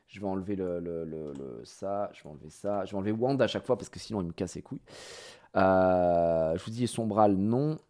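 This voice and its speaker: A man streaming live, chatting casually with his viewers, swinging from loud exclamations to mumbled asides and swearing now and then. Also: deep voice, a little fast. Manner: swears casually while fiddling with the computer.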